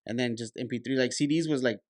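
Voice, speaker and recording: A man's voice: mid-range voice, fast talker, a little mellow, no echo, clean studio sound. A man in his thirties co-hosting a podcast, casually explaining things to younger guests. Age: 30s. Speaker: podcast co-host. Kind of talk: casual chat.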